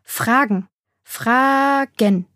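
A woman voicing a bold, bossy yet kind young girl in an audiobook, with a breathy voice. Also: mid-range voice, animated, a little mellow, no room sound, clean studio sound. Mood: explaining. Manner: scolding then friendly, explaining slowly. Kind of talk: audiobook character voice.

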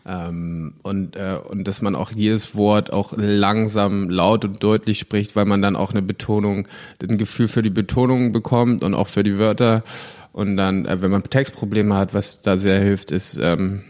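A man's voice: on the low side, flat delivery, a little slow, darkish tone. A man in his twenties, an actor, talking casually in an interview, rambling with many fillers and restarts. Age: 20s.

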